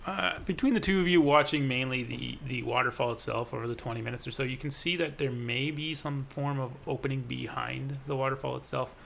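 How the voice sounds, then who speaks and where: A man with a gravelly, creaky voice narrates as game master of a tabletop game. He describes scenes in a relaxed way, with small hesitations. There is light noise in the background. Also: mid-range voice, a little fast, few pauses.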